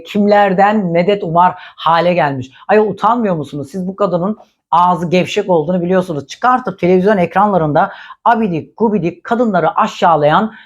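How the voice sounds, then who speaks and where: A woman's voice: medium pitch, a little mellow. A woman commenting on celebrity gossip in a blunt, indignant, scolding way.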